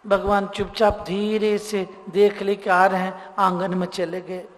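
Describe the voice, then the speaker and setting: A male preacher narrating a scripture story in an animated, unhurried way. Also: high-pitched, a little hiss or hum. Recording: reverberant hall with faint music.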